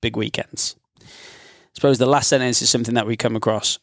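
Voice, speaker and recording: A podcast host from North Wales, UK, chats informally and banters in a casual podcast conversation. His mid-range voice is steady and brisk, captured in a dry, clean studio recording.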